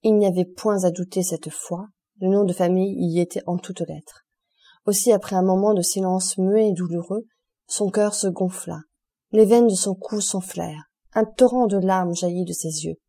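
A woman narrating a classic novel as an audiobook in a steady, measured reading. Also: fairly low pitch. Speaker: audiobook reader.

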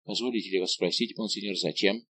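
A man reading an audiobook voices a deferential castle keeper who answers in a low murmur. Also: fast talker, pushed and bright. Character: fawning, anxious male castle keeper.

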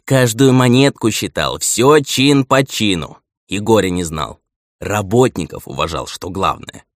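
A crusty old steward, patient until he snaps into a stern scolding, as a male narrator puts him on. The delivery swings widely in pitch and sits in a dry, close sound. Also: very animated, measured pace, no room sound. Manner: nagging, lecturing elder.

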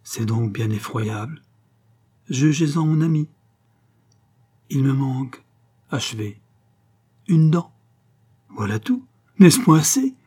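A man's voice: medium pitch, sing-song, slow pace, long pauses, mellow, breathy edge, heavily acted. A man reading the lines of a young Parisian wife, earnest and pleading as she confesses.

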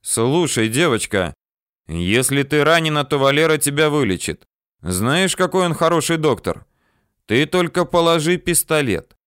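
A man voicing a steady male surveyor who speaks slowly and calmly under threat. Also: a little high, smooth, no echo, studio quality, pitched above the performer's own voice. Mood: coaxing. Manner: slow, coaxing, calm.

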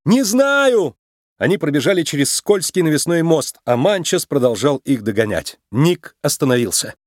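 A man narrating a children's storybook aloud with an expressive, animated reading. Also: a little high, moderate pace, no echo, clean studio sound.

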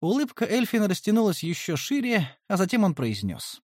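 A man's voice: sits high, wildly swooping pitch, a little fast, darkish tone, no echo. Male fantasy audiobook narrator, dry sound.

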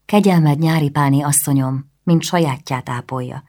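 A woman's voice: deep voice, warm tone. A woman reading the lines of a polite, persistent young nobleman in a historical audiobook. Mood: courteous.

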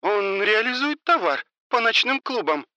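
A man's voice: high voice, big pitch swings, a little slow, bright, forceful tone, no room sound, muffled recording, voice pushed up, heavily acted. A man voicing a frightened woman caught up in drug dealing, talking in a scared, pleading way.

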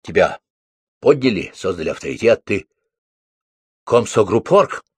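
A man's voice: fairly low pitch, very animated, unhurried, breathy edge, no echo, exaggerated voice. A man doing a stern, lecturing young Komsomol boss. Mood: scolding. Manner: scolding, lecturing.

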